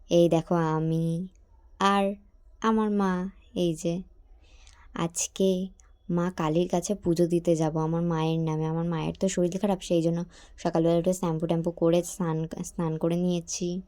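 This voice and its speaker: A young woman from chats straight to her viewers as a casual vlogger. Her voice sits a little low and flat, with a mellow, dark tone. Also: moderate pace. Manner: chatty, talks straight to viewers. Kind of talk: casual vlog narration.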